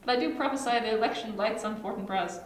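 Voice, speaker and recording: A woman's voice: fairly low pitch, normal speed. A woman voicing a bitter, dying young prince in an amateur read-through of a Shakespeare play, fading yet urgent, sometimes stumbling over the lines. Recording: echoey room, distant mic, noisy.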